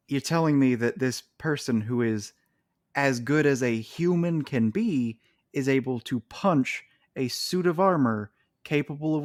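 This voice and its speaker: A man's voice: mid-range voice, a little mellow, no echo, studio quality. A man co-hosting a podcast in casual chat, picking apart points and laughing between them. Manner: chatty, laughs between points while arguing. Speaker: podcast co-host.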